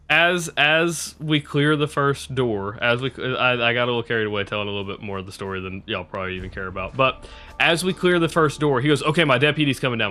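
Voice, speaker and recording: A young man talks casually to his live-stream viewers, rambling through stories and cursing freely. His voice is bright, forward and crisp, and he laughs easily between remarks. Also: medium pitch. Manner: rambling, profane, laughs often.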